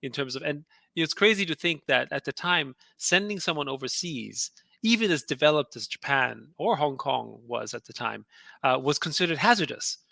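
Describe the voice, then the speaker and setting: The voice is a little high, expressive and creaky, bright and forceful, moving at a moderate pace and captured dry. It belongs to a middle-aged guest entrepreneur, Austrian-born with German as his native tongue, who chats casually about his story in an interview, laughing often and restarting amid many fillers.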